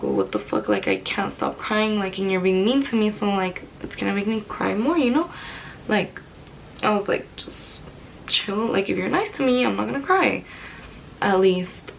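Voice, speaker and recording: A woman's voice: medium pitch, creaky, a little hiss or hum, rough recording. Candid young woman telling a story. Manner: candid, rambling, many "like" fillers. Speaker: vlogger. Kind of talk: personal storytelling to camera.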